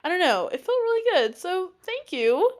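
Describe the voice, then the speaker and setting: A very high-voiced woman in her twenties, a teacher, hosts her own podcast in a casual solo monologue. She's very animated, speaks at a moderate pace, and rambles with plenty of fillers.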